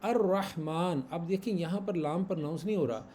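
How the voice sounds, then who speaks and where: A man's voice: a little high, quick pace, mellow, slight background noise. A man teaching a class, patiently repeating examples and quizzing his students. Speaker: Arabic grammar teacher. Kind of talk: online class lesson.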